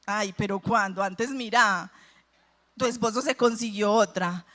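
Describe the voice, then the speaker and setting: A woman's voice: medium pitch, unhurried, fairly bright tone, close to an everyday voice. A woman preacher voicing the mocking voice of the enemy, taunting and dismissive. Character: mocking female voice of the enemy, scornful.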